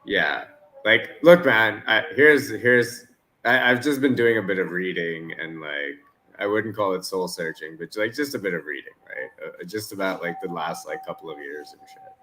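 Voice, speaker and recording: A Canadian man with a lowish voice and a forceful, tense edge rants through casual football chat. He swears freely and talks with animated heat. There is a faint hum of noise behind him. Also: moderate pace, low-quality recording. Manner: profane, ranting, animated. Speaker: co-host of a football watchalong.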